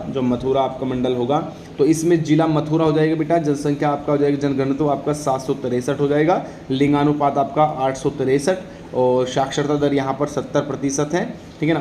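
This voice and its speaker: Teaching exam general knowledge in a relaxed lecture, this man keeps restating questions and answers and checking that his students keep up. His voice is a little high and warm, and the room echoes with faint noise in the background.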